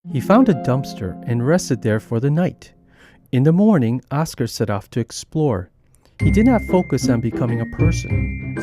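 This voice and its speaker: Man narrating an animated storybook. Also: mid-range voice. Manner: animated, expressive reading. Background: background music.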